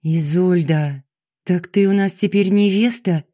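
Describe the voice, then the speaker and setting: Man doing a loud bubbly young woman, high and playful, dry close audio. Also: unhurried, dry recording. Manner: playful, exuberant. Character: lively, boisterous young woman, a boxer.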